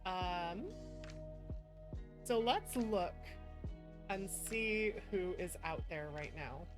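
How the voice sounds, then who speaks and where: Over music, a woman streamer speaks very slowly in a voice on the low side. She's chatting casually with her viewers, sounding affectionate, effusive and grateful.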